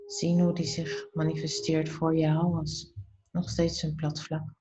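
A low-pitched, monotone woman leads a slow, unhurried guided meditation in a soft, soothing voice, with pauses between short phrases that become breathy as they end. The audio is dull, with music in the background.

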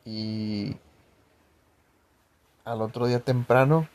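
Young mexican dude rambling through a story, lots of swearing, mellow low voice. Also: male voice, steady tone, takes it slowly. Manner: slangy, profane, rambling storytelling. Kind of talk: casual personal anecdote.

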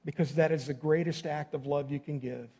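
A man's voice: a little high, fairly even intonation, brisk, a little mellow, breathy edge. A man preaching to a congregation as a pastor, speaking emphatically and directly to his listeners in a folksy way, repeating phrases for effect. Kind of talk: sermon to a congregation.

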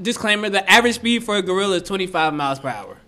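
A man's voice: high-pitched, lively intonation, racing, crowd noise. A young man hosting a casual podcast chat, asking skeptical questions.

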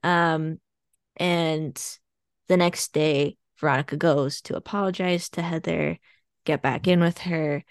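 Her deep, steady voice moves slowly as she co-hosts a podcast in casual conversation. She retells a plot loosely, with lots of fillers and laughter, on a studio-quality recording free of echo.

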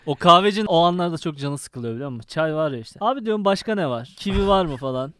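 A man's voice: fairly high pitch, animated, fast, fairly bright tone. A man telling jokey stories in a casual chat, often laughing mid-sentence.

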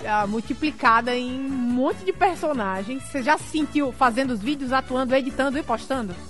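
A woman hosts a live-streamed interview in a high, bright voice, chatty and lively as she reads out viewer messages. Faint music runs quietly underneath. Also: a little fast. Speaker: interview host.

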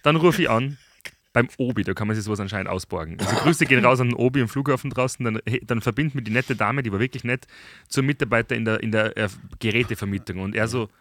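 A young man, a podcast host, chatting casually and acting out stories with lively dialogue. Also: mid-range voice, fast talker, dry recording, clean studio sound. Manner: animated storyteller, acts out dialogue. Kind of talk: casual chat.

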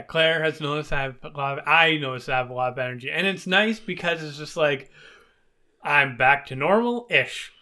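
A man's voice: medium pitch, bright, forceful tone. A man co-hosting a podcast in casual chat, rambling with many fillers and a slight toothless lisp. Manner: rambling, filler-heavy, upbeat. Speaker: podcast co-host.

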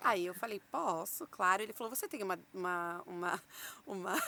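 A woman's voice: mid-range voice, normal speed. A woman with a Brazilian Portuguese accent, hosting a casual podcast and animatedly telling a story, acting out the lines of the people in it. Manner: animated storyteller, acts out quotes, laughs often.

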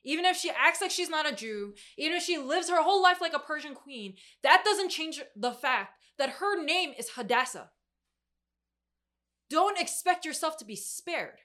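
This mid-twenties woman's voice sits high and sounds pushed and bright. She gives a group sermon as an informal, emphatic walk through the Bible, full of young slang.

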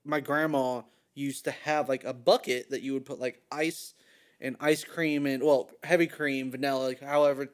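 A man's voice: mid-range voice, fairly even intonation, normal speed, clean tone. A man co-hosting a podcast, telling anecdotes in an enthusiastic, casual way. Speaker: podcast co-host. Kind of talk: casual chat.

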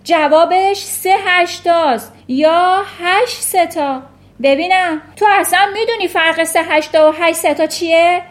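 A woman's voice: very high-pitched, pitched above the performer's own voice. A woman reading a children's storybook aloud, voicing a furious, bullying headmistress who roars insults and barks commands. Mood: raging. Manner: roaring insults, barking commands.

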